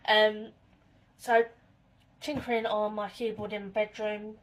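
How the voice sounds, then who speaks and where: A woman's voice: mid-range voice, level tone, measured pace. A woman, chatting casually to camera in her home kitchen and telling spooky stories in a rambling way. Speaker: vlogger.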